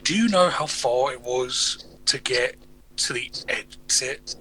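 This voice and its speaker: A man's voice: mid-range voice, takes it slowly, sharp tone. A man playing a tabletop game, bantering informally in and out of character with plenty of swearing. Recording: noisy room ambience.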